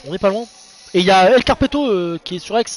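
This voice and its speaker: A young man giving casual, excitable live commentary on an online racing league, chatting to his viewers in a slangy, informal way. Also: high voice, fast talker, faint music behind. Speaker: race commentator and streamer.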